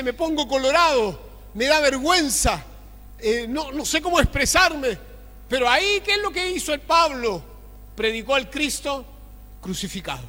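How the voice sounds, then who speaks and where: Male pastor mid-sermon, high and bright voice, reverberant church hall, asks the flock questions. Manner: swings between loud exclaiming and low murmured asides, asks the congregation often. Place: church sanctuary.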